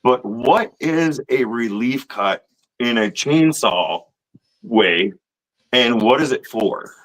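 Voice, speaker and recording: A man co-hosts a casual live stream in a bright, forceful voice. He is friendly and easygoing, reading out names and putting questions to the guest. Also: medium pitch, expressive, slow pace, rough recording. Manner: friendly, reads out names of channel members. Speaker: co-host.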